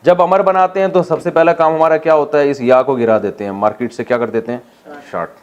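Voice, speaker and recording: A man's voice: fairly high pitch, fairly even intonation, darkish tone, muffled recording. A man from Pakistan, an Islamic scholar teaching a Quran exegesis class, who asks the class questions, answers them himself, and jokes with his students. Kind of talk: classroom lecture.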